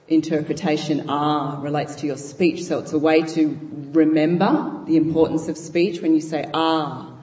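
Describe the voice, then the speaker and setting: A yoga teacher speaks to a class in a studio, unhurried and explaining with frequent laughter. The voice sits in the middle range and comes from far across an echoey room, with a dull, muffled recording and a long reverb tail. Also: medium pitch, darkish tone. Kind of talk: talk to a live class. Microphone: far from the mic.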